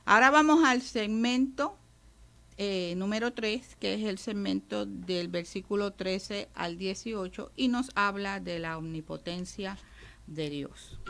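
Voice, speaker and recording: Here a Puerto Rican woman pastor speaks a little slowly, her mid-range voice gravelly and a bit bright. She teaches emphatically on a radio devotional show in Puerto Rican Spanish-accented speech, talking straight to listeners as "brother."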